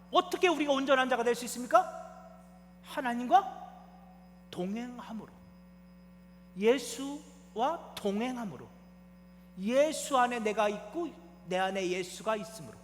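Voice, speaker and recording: A man's voice: high voice, long reverb tail, slight background noise. A male pastor preaching a sermon in a church, explaining things like a teacher and asking his congregation questions. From South Korea. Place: church sanctuary.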